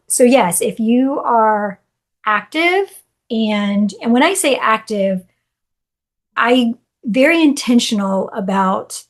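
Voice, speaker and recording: A woman's voice: medium pitch, a little mellow. A woman guest in a casual interview, talking earnestly and encouragingly, with frequent fillers. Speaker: interview guest, law association chapter director.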